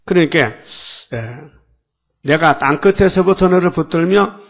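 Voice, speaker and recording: A man's voice: sits high, unhurried, lo-fi sound. An older man preaching a dawn worship sermon, folksy and full of rhetorical questions to the congregation. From South Korea. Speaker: pastor.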